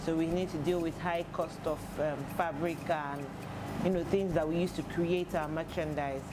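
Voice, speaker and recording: A young Nigerian man who works as a fashion designer, giving thoughtful, measured interview answers with frequent pauses. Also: on the high side, steady tone, music in the background. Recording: noisy outdoor urban recording. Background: street and vehicle noise.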